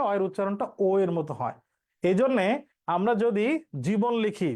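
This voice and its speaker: A man's voice: high voice, darkish tone. A male teacher, explaining pronunciation rules step by step and repeating each key point for his students. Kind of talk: online exam-prep lesson.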